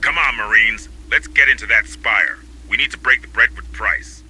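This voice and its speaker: A man playing a steady, dry marine captain in a video game, with clipped commands. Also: on the low side, moderate pace, natural voice, poor audio. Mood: commanding.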